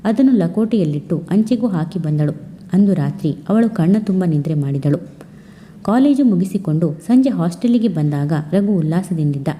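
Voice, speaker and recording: A woman narrating a literary love story in a steady, expressive reading voice. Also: fairly low pitch, moderate pace, slight background noise.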